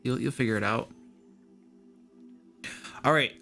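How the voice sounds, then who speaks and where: A man's voice: medium pitch, measured pace, vocal fry, sharp tone, soft background music. A man running a tabletop game as game master, teasing his players and laughing often. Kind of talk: casual tabletop game chat.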